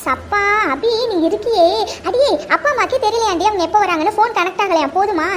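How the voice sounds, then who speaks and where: A woman voicing a sharp-tongued young female friend in a cartoon serial who teases relentlessly. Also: extremely high pitch, animated, slight background noise. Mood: exasperated. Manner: mocking, quick teasing retorts.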